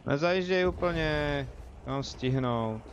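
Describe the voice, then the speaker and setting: Chatty Czech gamer talking to viewers. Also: male voice, fairly high pitch, a little hiss or hum. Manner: chatty, talks to viewers and the game, jokey. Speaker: game streamer. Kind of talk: casual live gameplay commentary.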